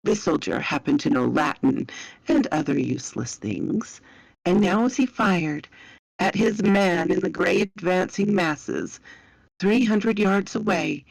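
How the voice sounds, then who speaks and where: A woman narrating a dramatic story in a slow, measured way. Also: lowish voice, animated, creaky, dry recording, rough recording.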